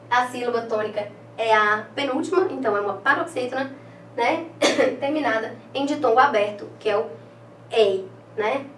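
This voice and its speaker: A woman's voice: high voice, roomy sound, recorded from a distance, a little hiss or hum. A woman with a Brazilian Portuguese accent teaching an online exam-prep lesson. She talks in a chatty way, with many fillers, and ends her phrases with "né?".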